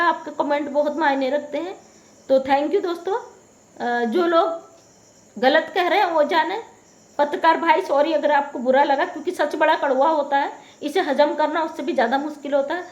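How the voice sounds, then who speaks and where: Indignant high-voiced woman vlogging at night. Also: moderate pace. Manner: indignant, confrontational, talking softly. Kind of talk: late-night vlog rant to camera. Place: home at night. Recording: echoey room, dull lo-fi sound.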